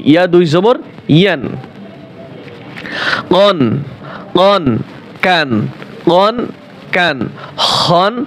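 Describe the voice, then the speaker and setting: Male Quran teacher, high voice, slow patient letter-by-letter drills. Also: slight background noise. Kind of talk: recitation lesson for beginners.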